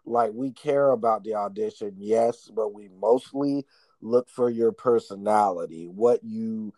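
Male host, chatty, encouraging, low mellow voice, dry sound. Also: a little slow, dry recording. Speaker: interview host. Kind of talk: casual interview chat.

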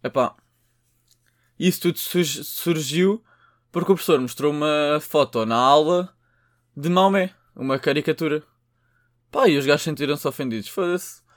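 A man's voice: on the high side, moderate pace, pauses often, no room sound, clean studio sound. A young man with a European Portuguese accent, rambling through a casual podcast monologue, full of slang, swearing and filler words. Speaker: podcast host.

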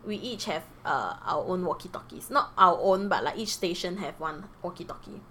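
Young female podcast storyteller, Singlish, bright lively voice, some background noise. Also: fairly low pitch, normal speed. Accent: Singaporean, Singlish. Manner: animated, giggly. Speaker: podcast co-host telling stories. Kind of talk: casual storytelling chat in colloquial Singlish.

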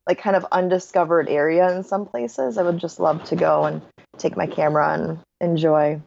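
Chatty woman with a slightly low voice. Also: fairly even intonation, normal speed, creaky, darkish tone, muffled recording, a little hiss or hum. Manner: bubbly, laughs often, says "like" a lot. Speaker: podcast guest, wedding photographer. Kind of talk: casual interview chat.

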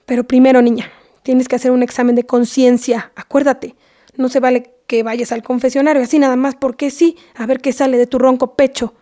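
A woman's voice: high voice, flat delivery, fairly quick, mellow, lightly acted. A woman playing a scolding but loving mother with a Mexican accent, lecturing her daughter in a comedy sketch. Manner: scolding, lecturing, half-whispered.

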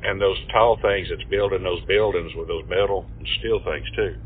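A man with an Appalachian Southern accent and a slow, folksy drawl, husky, co-hosting a casual comedy podcast. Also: low voice, steady tone, narrow, tinny audio, a little hiss or hum. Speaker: podcast co-host. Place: car on the road.

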